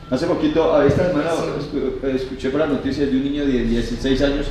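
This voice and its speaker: A man's voice: medium pitch, darkish tone, slight background noise. A man, a pastor preaching a sermon and asking his congregation questions as his voice rises for emphasis. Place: church hall. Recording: echoey hall, voice from far off.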